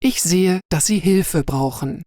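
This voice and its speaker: A woman voicing a kind, caring young woman in a read-aloud story for learners, gentle and calm. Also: fairly low pitch, takes it slowly, no room sound, clean studio sound.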